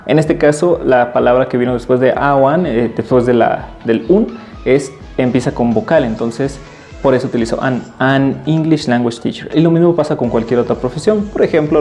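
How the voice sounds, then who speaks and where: Mellow-voiced male English teacher. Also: mid-range voice. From Mexico. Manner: patient, repeats example phrases slowly and clearly. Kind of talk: English lesson taught in Spanish.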